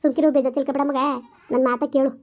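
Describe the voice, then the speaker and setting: A weary village mother, as a woman plays her hushing and pleading in a high, flat voice. She talks at a breakneck pace, and the sound is dull and lo-fi. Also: rapid-fire, close to an everyday voice. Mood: soothing. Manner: pleading, hushing, complaining of her own hardship. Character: weary rural mother calming her angry daughter. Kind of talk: village family comedy skit. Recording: dull lo-fi audio.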